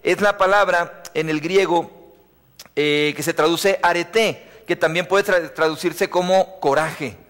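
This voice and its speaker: This youth preacher has a fairly high, fairly bright voice and takes an unhurried pace in a live church sermon. He speaks emphatically, repeats refrains and quizzes the young audience, with long church-hall reverb behind him.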